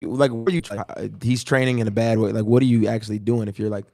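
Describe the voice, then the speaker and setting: A man's voice: fairly low pitch, steady tone, fast talker, warm tone. A man co-hosting a casual talk show, firing off teasing questions to a guest. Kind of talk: casual chat.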